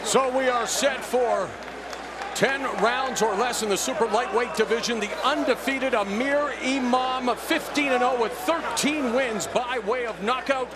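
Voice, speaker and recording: A man's voice: very high-pitched, unhurried, over a noisy crowd, very noisy. A man giving boxing broadcast commentary, presenting fighters and rules as a sports commentator. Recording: loud music behind the voice.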